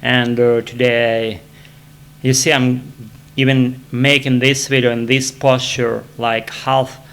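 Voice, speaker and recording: A man with a Russian accent, a native Russian speaker, talking casually to camera from his armchair at home while in back pain, halting often with fillers and restarts. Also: medium pitch, little pitch movement, vocal fry, a bit bright, smooth. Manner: hesitant, many fillers and restarts. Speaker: vlogger practicing English. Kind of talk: casual self-recorded monologue.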